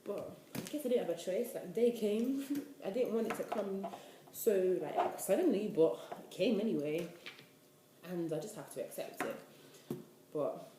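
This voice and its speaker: In this casual vlog, a twenty-year-old woman chats and rambles to the camera, saying "like" constantly. She speaks at medium pitch and normal speed, recorded in an echoey room with a noisy background.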